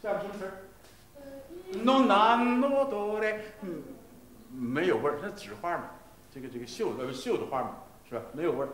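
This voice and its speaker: A man's voice: mid-range voice, animated. Man coaching a singer in a roomy hall. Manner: breaks into sung Italian phrases to demonstrate; repetitive, halting, full of 啊 and 哎 fillers. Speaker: voice teacher. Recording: roomy archival class recording, faint hiss.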